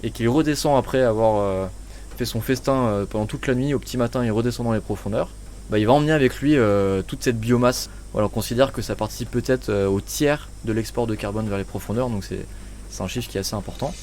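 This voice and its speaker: Man explaining plankton science, halting. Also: mid-range voice, darkish tone, slight background noise. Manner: hesitant, many fillers, explanatory.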